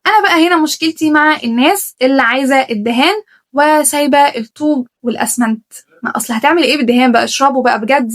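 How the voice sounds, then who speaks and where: A woman with an Egyptian Arabic accent, talking to her channel about learning languages in a blunt, emphatic way, full of rhetorical questions. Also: sits high. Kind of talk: opinionated vlog talk to camera.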